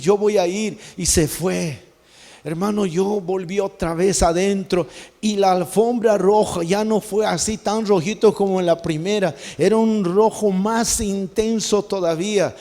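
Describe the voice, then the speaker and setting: A man pastor tells his testimony as a sermon, his voice high and mellow. He slips into slow, pleading prayers. The sound carries the long reverb of a church hall.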